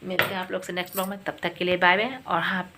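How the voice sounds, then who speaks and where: A middle-aged woman talks through a casual home vlog from her kitchen, chatty and full of retold conversations. Her voice sits low and stays fairly flat, with a slight cold in it. A faint hiss runs underneath the recording. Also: quick pace. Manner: chatty storytelling, retells others' words. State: has a cold. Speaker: vlogger.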